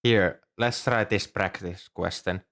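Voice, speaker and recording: An amateur audio roleplay performer with a deep, fairly bright voice speaks a little slowly in a scripted, one-sided ASMR roleplay. He plays a shy, earnest young student librarian, patient and helpful, whose speech comes out hesitant and apologetic.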